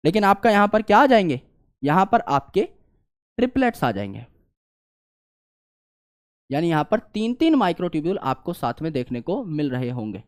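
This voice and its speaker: A male biology teacher, lecturing online while he draws a diagram. He keeps asking questions and answering them himself, going loud on the questions and muttering as he draws. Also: fairly high pitch, very animated, moderate pace, long pauses. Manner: repetitive, asks and answers own questions; swings between loud questions and quiet drawing mutters.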